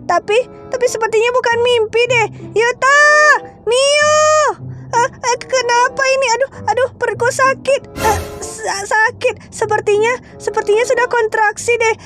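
A woman's voice: very high voice, steady tone, normal speed, loud music behind the voice, voice pushed up. A woman voicing a frightened young woman going into labor, stammering and frantic, for a game drama. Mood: panicked.

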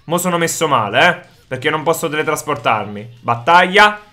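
Male gaming host, bright and somewhat high voice, hypes every fight with loud shouts. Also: moderate pace. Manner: energetic, exclaims loudly during fights. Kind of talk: excited gameplay commentary.

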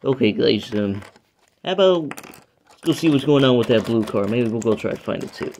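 A man's voice: medium pitch, fairly quick, a little mellow, slight background noise. A man narrating and improvising a homemade video story in a casual, rambling way with lots of fillers.

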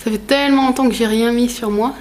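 A woman's voice: on the high side, fairly even intonation, fast, a little mellow. A woman vlogger chatting casually at home while opening gifts, rambling with many fillers, self-corrections and frequent laughter. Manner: laughs often, playful teasing. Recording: roomy echo.

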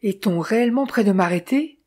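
A nervous, pleading man in an audiobook scene, read by a woman. His voice is mellow and dark, and he sounds plaintive and shaken. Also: medium pitch, lively intonation, brisk, husky. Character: anxious, plaintive man accused of a killing.

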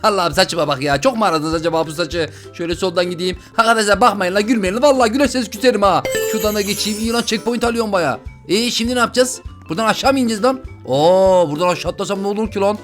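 A man giving let's play commentary, his voice sitting high and eager. He talks fast and excitably, exclaiming and joking with his viewers. Faint music plays underneath. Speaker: gaming channel host.

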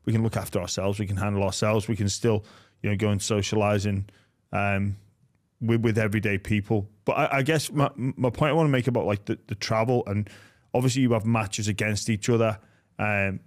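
Male host, late 30s, low voice, fumbly casual interviewer. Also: fairly even intonation. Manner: halting, restarts often while asking questions. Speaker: podcast host. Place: podcast studio, indoors. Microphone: studio mic on a boom with headphones.

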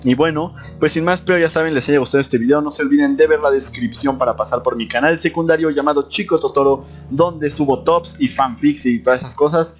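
A young man narrates his playthrough of a horror game in a playful way. His voice sits at an ordinary male pitch but jumps into high yelps when startled. Faint guitar music plays behind him. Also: fairly quick, few pauses. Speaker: gaming YouTuber. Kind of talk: let's play commentary, reading game text aloud.

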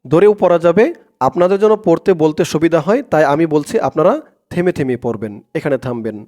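A man with a Bangladeshi accent teaching Quran recitation, spelling out Arabic syllable by syllable and chanting the phrases in long drawn-out tones. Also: fairly high pitch, a little mellow. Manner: slow, drawn-out chanting of the Arabic phrases, plain spoken explanations.

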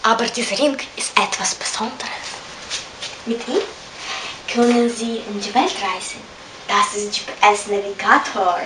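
A girl playing a soft-spoken courteous suitor. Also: mid-range voice, a little slow, pauses often, background noise, natural voice. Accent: Ukrainian. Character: polite young suitor offering a gift. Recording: echoey room from far off, music behind.

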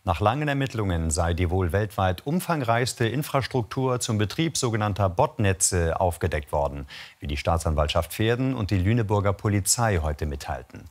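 A man presenting the news as anchor, formal and even. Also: lowish voice, normal speed.

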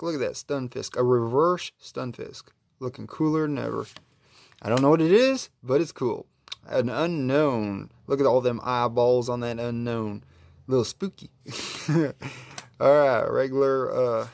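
Slow, gravelly man opening cards. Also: medium pitch, darkish tone, no echo. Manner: slow, easygoing, admiring each card aloud. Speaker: card pack opener. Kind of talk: casual unboxing commentary.

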